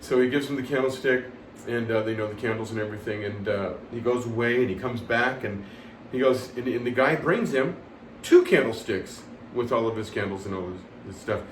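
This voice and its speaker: A man telling jokes casually, rambling and halting with many fillers, often laughing at his own punchlines. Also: mid-range voice, far from the mic. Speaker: comedy host telling jokes. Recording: roomy sound from away from the mic, faint background noise.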